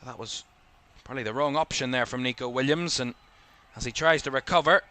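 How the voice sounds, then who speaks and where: A young man with a Northern Irish accent calls a football match live, in bright, forward tones. His play-by-play comes fast and jumps up in pitch when an attack builds, then settles back into steady, mid-pitched analysis between plays. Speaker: football commentator. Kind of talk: live watchalong match commentary.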